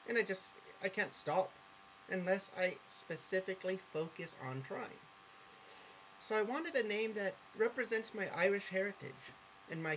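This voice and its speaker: The vlogger, a woman with a mid-range voice, chats casually to camera in a monologue that rambles, wanders off track, and includes many self-corrections. She seems earnest and openly affectionate, and the rough recording has a bit of hiss or hum.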